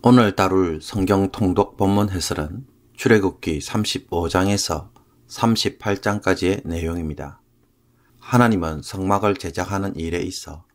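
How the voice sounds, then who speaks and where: A man, a pastor, explaining a scripture passage in a measured sermon, phrase by phrase. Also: sits low.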